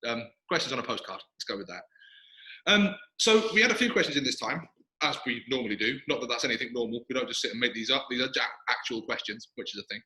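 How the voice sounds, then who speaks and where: Fast chatty guy podcasting from his gym, big echoey hall sound, bright voice. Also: mid-range voice, expressive. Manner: quick, chatty, self-mocking. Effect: big hall echo of a gym. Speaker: podcast host. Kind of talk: casual chat. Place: echoey gym, sitting in a squat rack.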